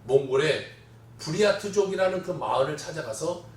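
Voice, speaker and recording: High-voiced pastor preaching in an echoey hall. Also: male voice, animated, moderate pace. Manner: storytelling, quotes voices with dramatic swings in loudness. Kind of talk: Sunday sermon. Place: church sanctuary. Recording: echoey church hall, distant mic.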